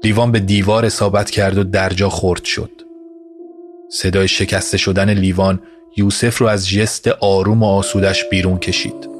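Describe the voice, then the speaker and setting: Low-voiced male narrator over music. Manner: steady, dramatic storytelling. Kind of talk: scripted audiobook narration. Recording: music bed behind voice.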